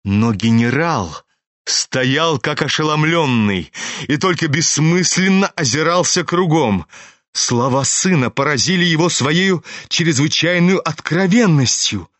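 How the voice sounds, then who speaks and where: A man narrating a classic novel in a measured, expressive audiobook reading. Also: on the high side, no room sound.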